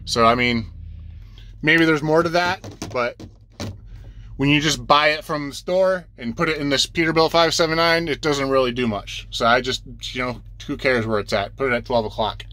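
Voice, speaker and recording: A man speaks at normal speed with a mid-range, bright, forceful voice as he gives a tutorial inside his truck cab. His explanations are casual and hands-on, and he repeats the steps one at a time like a trucker teaching a beginner.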